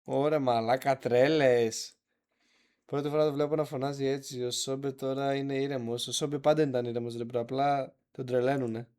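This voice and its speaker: A man of middling pitch runs a live stream and talks over the clips in a loose, slangy way. His commentary is relaxed and half-muttered, as if he were chatting with friends. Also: clean tone. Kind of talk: casual live-stream chat.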